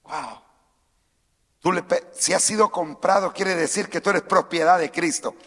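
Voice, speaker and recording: A male pastor preaching a sermon, moving between calm teaching and shouted calls to move and praise. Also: high-pitched, measured pace, big-room sound. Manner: swings from quiet teaching to shouted exhortation; mimics timid churchgoers in a small mocking voice. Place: church sanctuary.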